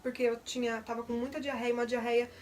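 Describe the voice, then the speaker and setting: A woman's voice: fairly high pitch, little pitch movement, fast, darkish tone, far from the mic, slight background noise. A young woman, candidly recounting a personal testimony in detail. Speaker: vlogger. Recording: voice a bit off the mic.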